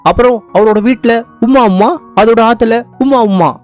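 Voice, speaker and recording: A man voicing a clever, excitable young heroine in a drama recap, shrill, flustered and pleading. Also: normal speed, faint music behind. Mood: teasing.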